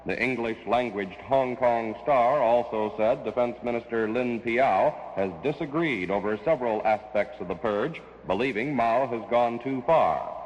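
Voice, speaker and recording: A man's voice: medium pitch, unhurried, hardly any pauses, highs cut off, slight background noise. American network newsman with long reverb. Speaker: network radio newscaster. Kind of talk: scripted 1960s radio news. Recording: reverberant vintage radio broadcast.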